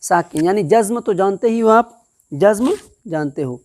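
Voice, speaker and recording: A woman's voice: medium pitch, animated, darkish tone, a little hiss or hum. A woman teaching Quran reading step by step, patiently spelling out syllables and checking that the learner understands. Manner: patient, repeats syllables slowly and asks "understood?". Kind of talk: step-by-step recitation lesson.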